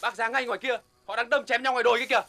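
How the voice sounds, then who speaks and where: An anxious villager who urgently presses an official to act. His voice is high, bright and fast. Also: steady tone, slight background noise, heavily acted. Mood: alarmed. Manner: urgent, insistent. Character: anxious male villager raising alarm, pushy. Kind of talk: TV drama acting.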